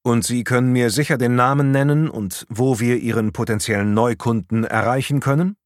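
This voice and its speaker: A man's voice: mid-range voice, normal speed, dry recording, clean studio sound, natural voice. A man reading a cool probing detective. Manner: cool, questioning. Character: calm probing male police detective.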